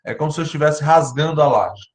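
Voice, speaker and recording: A Brazilian man lecturing architecture students online, explaining step by step and often checking in with his class, his voice going hoarse. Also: a little high, fast talker, reverberant. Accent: Brazilian Portuguese. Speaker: university lecturer.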